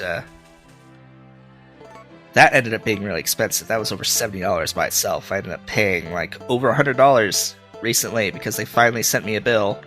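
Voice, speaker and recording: A man with a fairly low, pushed, bright voice and a stuffy nose from a cold rambles through casual gameplay commentary as a let's play host, using many filler sounds.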